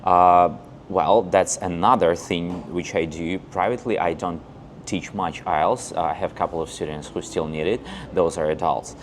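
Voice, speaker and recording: A Belarusian man in his thirties, an English teacher, tells his story in a casual interview recorded on a lapel mic, outdoors on a paved old street and in a cafe. His low-pitched voice holds a steady tone at a moderate pace, with slight background noise. A chatty storyteller, he acts out quoted dialogue.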